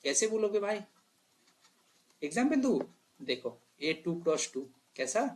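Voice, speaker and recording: A man teaches maths in a voice that sits somewhat high for a man. He works through exam problems out loud, checking in with his students often. He stops to correct himself mid-thought. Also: very animated, unhurried, slight background noise. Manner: talks to students directly, "bhai" and "clear?", thinks aloud and corrects himself. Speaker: math teacher. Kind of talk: exam problem walkthrough lesson.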